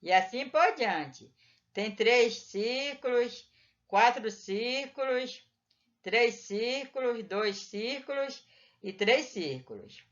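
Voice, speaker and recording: A woman teacher explaining a textbook lesson to young children, slow and patient, drawing out syllables. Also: on the high side, animated, highs cut off.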